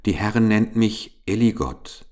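A man voicing a gentle young maiden servant who speaks softly in rhymes, read aloud from a fairy-tale book. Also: lowish voice, unhurried, pitched above the performer's own voice, natural voice. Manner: soft, gentle, sing-song rhyming speech. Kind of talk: storybook reading.

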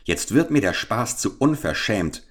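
A man's voice: on the low side, very animated, unhurried, pitched above the performer's own voice. A man playing a scolding market woman. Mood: indignant mocking. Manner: scolding, indignant. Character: angry middle-aged market woman, the mother.

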